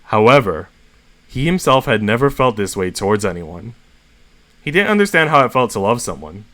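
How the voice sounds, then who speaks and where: A man with a fairly low voice narrates a piece of fan fiction. He reads it as a story, moving between narration and dialogue. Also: sing-song, moderate pace, a bit bright. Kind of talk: story reading with acted dialogue.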